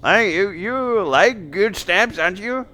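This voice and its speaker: A man's voice: sits high, lively intonation, slow, bright, forceful tone, pitched above the performer's own voice, full character voice. A man voicing a weary female tavern keeper in a tabletop game. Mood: dry, wheedling.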